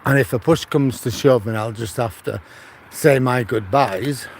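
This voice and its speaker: A retired older man from Manchester, England, walks his dog along a seaside promenade, filming himself on a phone mounted on a gimbal for a casual livestream. His medium-pitched voice is a little slow, with a slight hiss or hum in the audio. He tells chatty, rambling stories and keeps restarting them.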